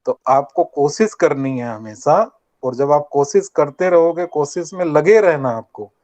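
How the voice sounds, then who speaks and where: Here the guest speaker, an older man from Rajasthan, India, talks unhurriedly in a fairly high, somewhat mellow voice. Over a video meeting for a college workshop, he earnestly motivates students and prompts them to reply, with dull, lo-fi call sound.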